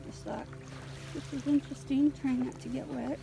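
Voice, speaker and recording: Over music, a woman with a high, gravelly voice speaks at normal speed and a steady tone. She's vlogging on a lakeshore beach with a handheld phone, casually narrating for viewers as she searches for rocks.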